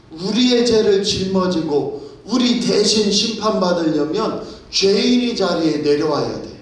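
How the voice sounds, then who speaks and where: Korean pastor preaching in an echoey church. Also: male voice, a little high. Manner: storytelling, rising to loud fervent preaching. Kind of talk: sermon. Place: church sanctuary. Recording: very echoey hall, mic at a distance.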